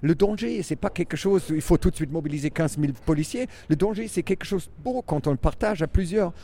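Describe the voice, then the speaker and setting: A man with a German accent, a circus performer answering interview questions in a halting, reflective way with many restarts. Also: on the high side, dark tone.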